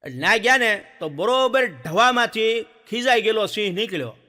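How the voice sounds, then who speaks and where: A man tells village jokes with a lively, animated delivery. His voice sits high and ringing. He is heard in a hall with long reverb. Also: moderate pace. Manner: lively joke-telling, acts out villagers and animals. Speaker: stand-up comedian. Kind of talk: folk comedy storytelling.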